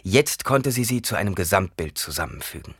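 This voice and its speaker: A male audiobook narrator with a husky, low voice and lively, shifting intonation. The reading is expressive, and the sound is close and dry. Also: a little fast, no echo. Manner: expressive storytelling. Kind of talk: scripted narration.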